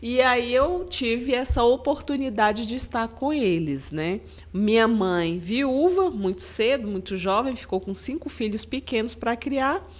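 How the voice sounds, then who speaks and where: A woman's voice: on the high side, expressive, a little slow, hardly any pauses. Middle-aged woman from Maranhão, Brazil; earnest interview guest, storytelling manner. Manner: earnest, storytelling, frequent "né?" tags. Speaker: guest, government agency head. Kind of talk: podcast interview.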